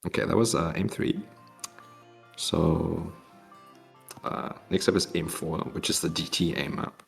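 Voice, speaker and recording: A man's voice: deep voice, flat delivery, a little slow, vocal fry, breathy edge. A man giving casual, laid-back, slangy live commentary as host of a gaming showcase, his voice echoing as if in a cave in an empty meeting room. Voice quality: cave-like echo on the voice. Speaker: host of a tournament mappool showcase. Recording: echoey empty room, music behind.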